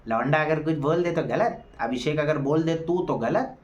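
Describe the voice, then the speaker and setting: A man's voice: on the high side, moderate pace, lo-fi sound. Heated man reviewing a reality show. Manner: heated, mocking, addresses viewers as guys and friends. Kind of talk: opinionated show review commentary. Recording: echoey room.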